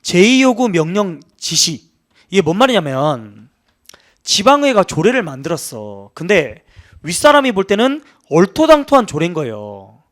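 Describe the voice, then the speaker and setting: A man teaching law for exam prep, talking casually and acting out quoted officials in rough, joking banter. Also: high-pitched, sing-song, normal speed, fairly bright tone. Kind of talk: lively lecture with acted anecdotes.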